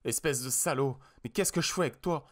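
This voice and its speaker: A man voicing a frightened, insistent young wife in an audiobook, pleading and sharp. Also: medium pitch, brisk, pitched above the performer's own voice, lightly acted. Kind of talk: audiobook character voice.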